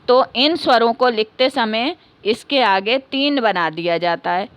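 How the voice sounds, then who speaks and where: Woman teacher, slightly high voice, patient classroom explaining with many recaps. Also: fairly bright tone. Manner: patient, repeats key points, asks and answers her own questions; ends points with a checking "okay". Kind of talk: classroom lesson.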